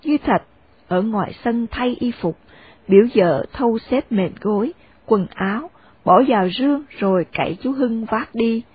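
A woman narrating a story in steady audiobook style. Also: a little high, normal speed, slightly rough. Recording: dry, phone-like narrow sound.

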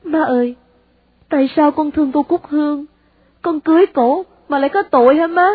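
Grieving young son, voiced by a woman, raised pitch, tearful pleas, Southern Vietnamese, dry tinny audio. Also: normal speed, dry recording, natural voice. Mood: pleading. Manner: tearful, insistent questioning. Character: young man, heartbroken and pleading son.

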